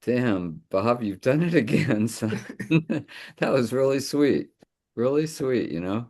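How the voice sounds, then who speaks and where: A man's voice: medium pitch, expressive, slow pace, a little mellow. A man hosting a livestream poetry reading, teasing the readers and bringing on the next poet. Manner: jokey, teasing, exclamatory. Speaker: host of a reading series. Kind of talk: joking livestream emcee.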